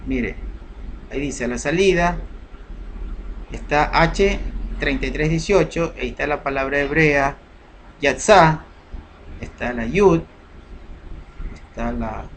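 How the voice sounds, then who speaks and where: A man teaching a Bible study lesson over slides, pausing often with fillers and checking in with his listeners. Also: mid-range voice, a bit bright, a little hiss or hum. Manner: hesitant, many fillers, asks "¿no?" and "¿sí?" often.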